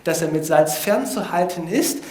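A man speaking at a moderate pace, with a slightly high, darkish voice and lively intonation, goes over foreign vocabulary from his notes in a relaxed way, hesitating a lot as he thinks aloud. The recording is from an echoey room.

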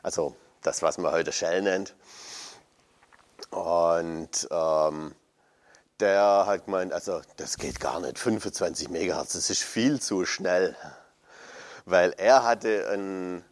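A man in his fifties with a notably deep, low voice talks loosely about old computers. He wanders, hesitates and fills gaps with ums as he goes. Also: takes it slowly. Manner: rambling, hesitant, many fillers. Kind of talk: casual retro computing chat.

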